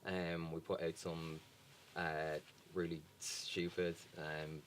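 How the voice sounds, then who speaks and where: A man's voice: sits low, little pitch movement, slow pace, a little hiss or hum. A young man with a Dublin accent, a charity guest talking casually in an interview with many ums and restarts. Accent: Irish, Dublin. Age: young adult.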